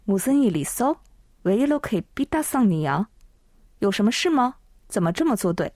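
A woman co-hosting a language lesson, translating and explaining in a calm, measured way. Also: medium pitch, no echo, studio quality. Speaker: co-host and Chinese translator.

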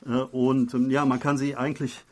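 A man co-hosting a radio program, explaining in conversation and often pausing on filler sounds. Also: mid-range voice, flat delivery, a little mellow. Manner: hesitant, many filler sounds.

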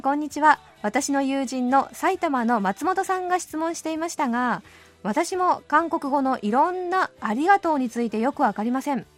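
A cheerful woman in her late thirties hosts a radio show and reads out listener letters. She answers them in a lively, chatty way and laughs often. Her voice sits high, and faint music plays behind her. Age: late 30s. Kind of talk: radio letter-reading chat. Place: radio studio.

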